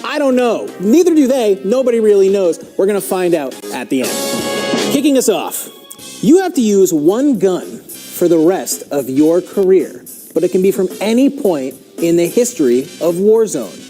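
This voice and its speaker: Upbeat male esports host, warm dark tone, soft music bed underneath. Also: high-pitched, sing-song, normal speed. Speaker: esports broadcast host and interviewer. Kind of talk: playful game-show hosting and tournament commentary.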